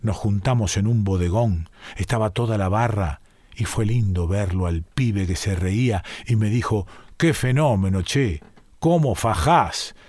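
A man's voice: on the low side, normal speed, warm tone, no room sound. Rioplatense man reading a musing monologue. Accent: Rioplatense Spanish. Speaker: reader performing a monologue. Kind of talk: dramatic first-person story reading.

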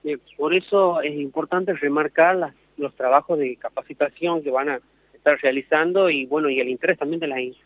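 A man hosting an interview, briskly summing up and introducing guests. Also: a little high, no room sound. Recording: tinny phone-like line.

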